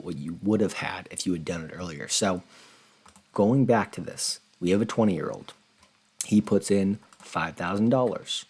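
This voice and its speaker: A personal finance channel host walks through a spreadsheet in a casual explainer. His voice is low and husky, and he sounds earnest and conversational, repeating words as he rephrases.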